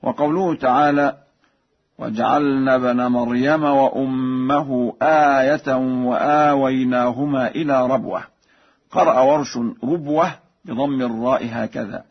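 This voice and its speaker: Husky male recitation teacher from Egypt, formal and measured, dull lo-fi radio sound. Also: medium pitch, fairly even intonation. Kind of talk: radio lesson on recitation readings.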